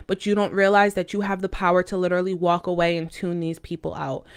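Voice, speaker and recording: A woman giving a casual, mystical horoscope and tarot card reading to viewers in a halting, informal way with intuitive asides. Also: mid-range voice, smooth.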